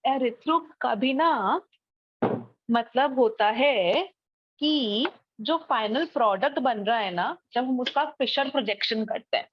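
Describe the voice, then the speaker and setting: A woman's voice: fairly high pitch, slow pace, highs cut off, slight background noise. A young woman teaching a chemistry class online, explaining step by step and often checking that students follow. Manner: explains step by step, checks understanding with frequent tag questions.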